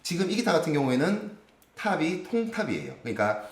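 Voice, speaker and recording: Man, guitar review host, measured explanations, roomy echo. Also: fairly high pitch, sing-song. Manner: explanatory, measured, frequent affirmations. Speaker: guitar lesson channel host. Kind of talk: casual gear review conversation.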